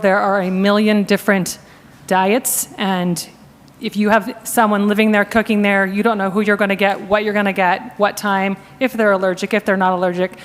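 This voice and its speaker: A woman representing property owners lays out her case before a council. She explains in a friendly, persuasive way. Her voice carries a long reverb from the chamber. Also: mid-range voice. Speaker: appellant's representative. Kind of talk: public comment at a council meeting.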